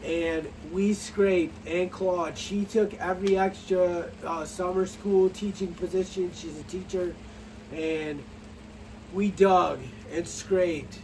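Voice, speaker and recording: A middle-aged man, a farmer, telling his story in a rambling, halting way with many restarts and some dry sarcasm. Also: high-pitched, fairly even intonation, a little mellow, recorded from a distance, slight background noise, poor audio. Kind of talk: casual personal story to camera.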